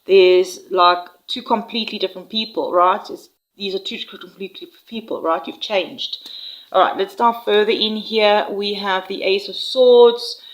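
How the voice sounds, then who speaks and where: Unhurried woman reading tarot cards. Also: mid-range voice, fairly even intonation, poor audio. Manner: unhurried, reassuring, with frequent "um" and "all right?" tags. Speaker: tarot reader. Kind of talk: intuitive tarot reading to viewers.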